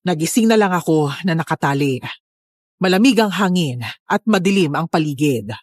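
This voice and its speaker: A woman narrating a first-person horror story in a steady, somber way. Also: deep voice, normal speed, no room sound, clean studio sound.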